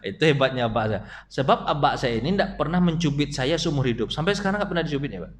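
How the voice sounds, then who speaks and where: A man's voice: medium pitch, fast talker, slight background noise. A middle-aged man preaching at a mosque study session, telling stories and putting questions to his audience. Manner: animated storytelling, asks the audience questions.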